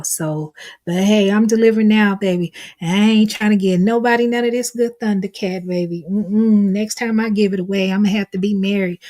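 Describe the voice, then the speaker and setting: Chatty woman live-streamer with a mellow voice. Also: mid-range voice. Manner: chatty, calls viewers baby and honey. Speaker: livestream host reading chat. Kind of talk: casual live-stream chat.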